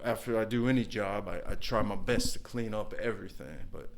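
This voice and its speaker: This guest, a brick and mortar contractor, has a lowish, gravelly voice and talks a little fast, with a bit of hiss or hum in the recording. Telling stories casually in an interview, he rambles along with plenty of "you know" and "like," breaking into quoted bursts as an angry customer.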